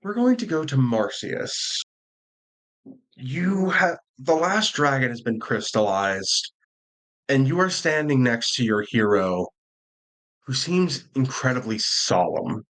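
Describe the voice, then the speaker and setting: A man running a tabletop game as dungeon master, chatty and quick, laughing often. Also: medium pitch, animated, a bit bright, low-quality recording.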